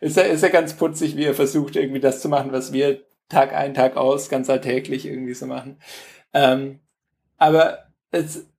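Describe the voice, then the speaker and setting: A man's voice: mid-range voice, fairly even intonation, normal speed, creaky, darkish tone. A man co-hosting a podcast in casual conversation, hesitant and full of fillers. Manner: hesitant, many fillers, mimics other voices for quotes. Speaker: podcast co-host.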